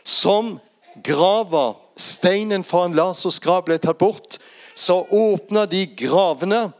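An older man with a Norwegian accent preaching a sermon, retelling Bible stories and asking rhetorical questions. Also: sits high.

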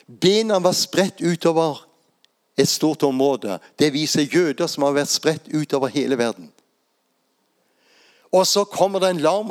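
An older man with a Norwegian accent preaching a sermon, retelling Bible stories and asking rhetorical questions. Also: on the high side.

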